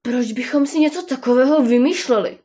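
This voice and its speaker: A woman's voice: on the high side, lively intonation, darkish tone, husky. A woman voicing an indignant female llama in a storybook reading, snapping and hissing in anger.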